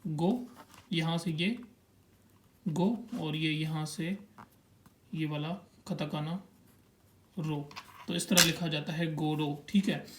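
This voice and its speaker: A young man with a notably high-pitched voice teaches a language lesson. He is patient and steady as he points at a chart and sounds out each syllable slowly, one after another. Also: a little hiss or hum.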